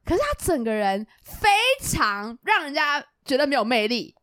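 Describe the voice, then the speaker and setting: Loud, lively Taiwanese woman storyteller. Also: sits high, normal speed, no room sound, studio quality. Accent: Taiwanese Mandarin. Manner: loud, animated speaker. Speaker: podcast co-host. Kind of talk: casual chat, storytelling.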